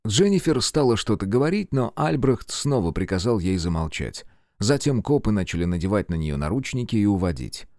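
A man narrating an audiobook with steady, measured storytelling. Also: on the low side, dry recording, clean studio sound. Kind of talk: scripted narration.

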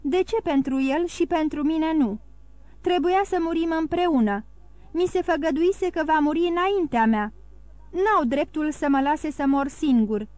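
A woman reading a desperate condemned man, voiced loudly as he pleads and protests in panic. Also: sits high, no room sound, pitched above the performer's own voice, close to an everyday voice. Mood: desperate shouting. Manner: shouting in panic.

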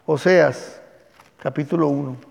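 A man, a pastor teaching a Bible class and telling the stories with lively energy. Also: fairly high pitch, measured pace, creaky, big-room sound. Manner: lively storytelling, addresses class as "hijos".

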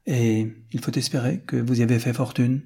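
A man's voice: medium pitch, fairly even intonation, normal speed, creaky, dark tone, breathy edge. A man reading aloud voices a chatty, worldly young French noblewoman who speaks frankly and offhandedly.

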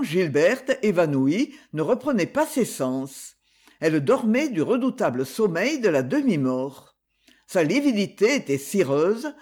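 A reader narrating a classic French novel in an expressive literary manner. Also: medium pitch, husky. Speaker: audiobook reader.

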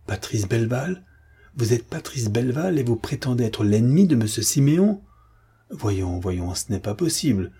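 A man's voice: mid-range voice, animated, moderate pace, dark tone, slightly rough. A man reading aloud and voicing an old male concierge who is firm and loyal, speaking in an insistent, pleading way. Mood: alarmed. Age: older.

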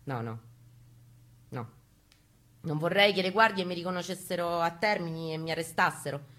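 With guitar accompaniment behind her, a female stage narrator performs a first-person story in an intense, emphatic, dramatic manner. She speaks at a moderate pace in a lowish voice that's a bit bright.

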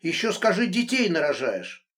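An enraged, possessive middle-aged husband bursts out in high, loud accusations and drops to hissed threats, as a male audiobook narrator puts him on. His voice swings widely between shouting and whispering. The reading is a plain audiobook delivery. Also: sing-song, moderate pace. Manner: shouting accusations, then hissing low threats. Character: angry middle-aged married man, controlling and furious.

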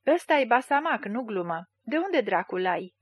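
A woman voicing a huge, bad-tempered blind man in a storybook reading, speaking roughly and barking his words. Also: a little high, big pitch swings, no echo, clean studio sound. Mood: pleading.

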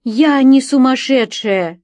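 A woman's voice: high-pitched, slow pace, no room sound, pitched above the performer's own voice. Woman voicing a desperate defiant wife. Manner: shouting, pleading.

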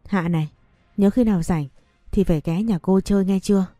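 A woman's voice: mid-range voice, brisk, warm tone, dry recording, faint music behind, natural voice. A woman doing a kind, fussing older market vendor. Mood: caring. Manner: affectionate, fussing.

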